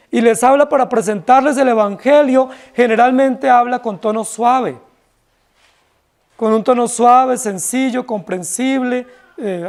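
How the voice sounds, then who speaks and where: With a Colombian Spanish accent, a male pastor gives an emphatic expository sermon in church, his voice very high-pitched and a little mellow. Rhetorical questions come up again and again as he checks in with the congregation.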